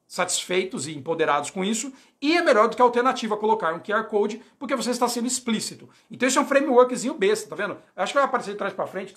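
A man in his forties, a UX designer giving a casual livestream monologue into a phone, talking in an animated, rambling, slangy way. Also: sits high.

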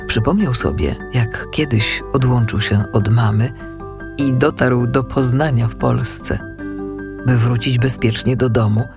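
With a mid-range voice, a man narrates a children's story as an audiobook, giving it expressive, scripted delivery.

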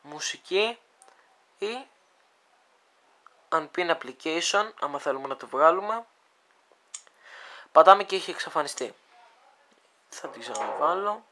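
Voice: medium pitch, expressive, pauses often, sharp tone. A speaker casually walking viewers through a phone app, thinking aloud with many hesitations and talking to them like friends. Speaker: video creator demonstrating a phone app. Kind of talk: casual screen demo walkthrough.

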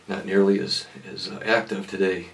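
A man in his forties with a lowish voice talks casually as the host of a hunting vlog. His delivery is halting and full of awe. The sound is a little distant, picked up by a camera mic in the field. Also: little pitch movement, creaky, a bit bright, husky. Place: hunting blind and outdoor bushland.

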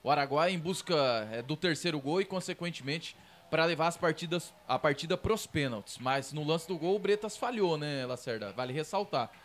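A man with a Brazilian accent giving live football analysis as a match reporter, repeating words haltingly as he explains. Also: on the high side, expressive, a bit bright, slight background noise.

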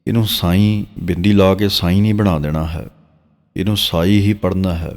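Man, Punjabi accent, very deep low voice, slow drawn-out verse recitation, teaching pronunciation, long reverb tail. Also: fairly even intonation. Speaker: Gurbani teacher. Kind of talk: scripture pronunciation lesson.

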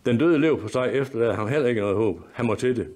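A man reads a comic story aloud to an audience at a mid-range, average pitch. His narration is dry and wry, unhurried, and it sets up each scene before the characters speak. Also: expressive, a little mellow. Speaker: lecturer reading his own story. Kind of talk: reading a humorous story aloud.

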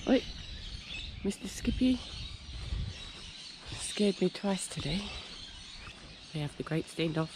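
An Australian travel vlogger in her forties chats to a handheld camera on a beach and in a car, gushing over the scenery. Her low voice is animated yet slow, with frequent pauses, and outdoor noise sits behind it.

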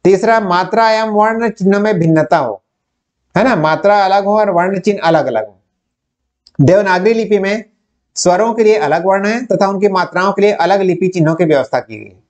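A man's voice: sits high, moderate pace. A man with a North Indian accent who teaches Hindi, giving a lecture step by step and asking and answering his own questions. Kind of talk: whiteboard lecture.

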